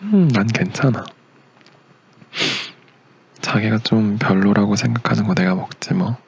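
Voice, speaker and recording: A young man acting as a gentle, doting boyfriend in a romantic ASMR role-play, a tender leading man with a soothing, murmured, partly whispered delivery. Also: fairly low pitch, animated, measured pace, vocal fry, breathy edge, dull audio, exaggerated voice. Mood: caring, attentive. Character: doting, gentle young boyfriend caring for his sick girlfriend.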